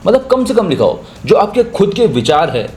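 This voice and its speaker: A man's voice: high voice, big pitch swings, normal speed, darkish tone, roomy sound, slight background noise. A young man with a Hindi accent, teaching voiceover in a casual, chatty spoken tutorial. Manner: chatty, explains with spoken examples.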